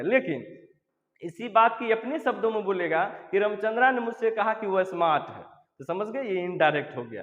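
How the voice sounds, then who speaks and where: A man's voice: high voice, in a large hall, phone-quality sound. A man teaching an English grammar lesson, drilling points again and again and calling his students dear ones. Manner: repetitive, drilling reminders to remember; affectionate address to students. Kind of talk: classroom lesson explanation.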